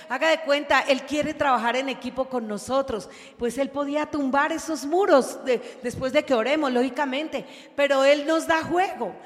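A woman preacher giving a fervent sermon, building to loud, emphatic calls. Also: sits high. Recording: long hall reverb.

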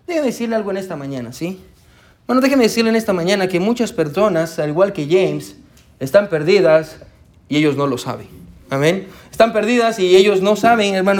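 A male pastor preaching in church, telling a personal story with lots of "amén" and "hermano", and slipping English words into his speech. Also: high voice. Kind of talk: sermon with personal anecdote.

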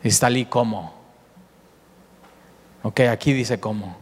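A man preaches a sermon in a church sanctuary, his voice sitting at an ordinary pitch. He speaks earnestly, often stopping to rephrase and circle back to a point. A long hall reverb trails after each phrase. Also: unhurried. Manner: earnest, repeats himself, often rephrases with "o sea". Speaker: pastor.

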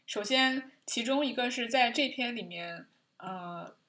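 A woman's voice: a little high, measured pace. A woman co-hosting a podcast, retelling a film scene in casual chat, with lots of laughter and restarts. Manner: animated storytelling, frequent laughter, many restarts. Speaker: podcast co-host.

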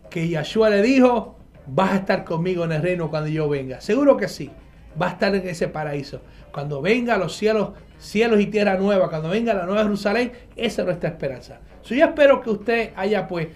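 A man preaching a nightly online Bible teaching, emphatic, asking questions and answering them himself. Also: high voice. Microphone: live stream with viewers connected.

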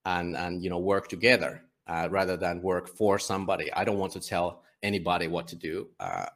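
A Finnish publisher, appearing as a guest, talks casually in a conversational interview. His low, slightly bright voice is halting, full of fillers, and he often stops and restarts his sentences.

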